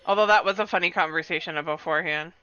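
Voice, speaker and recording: A woman hosting a live game stream, chatting casually and reading game text aloud in an expressive way. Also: on the low side, fast talker, smooth, dry recording, lo-fi sound. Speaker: streamer and host. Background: game music.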